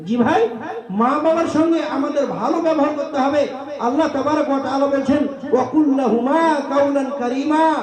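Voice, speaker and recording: A man's voice: very high voice, normal speed. A man preaching a sermon, with a chanting, sing-song delivery. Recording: echoey crowded gathering. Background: crowd.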